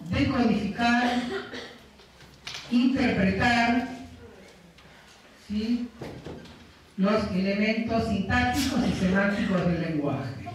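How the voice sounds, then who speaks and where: A man's voice: high-pitched, a little hiss or hum. A man giving a university lecture, explaining step by step and often checking in with his students. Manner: explanatory, keeps checking in with the class. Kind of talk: classroom lecture. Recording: very echoey room, distant mic.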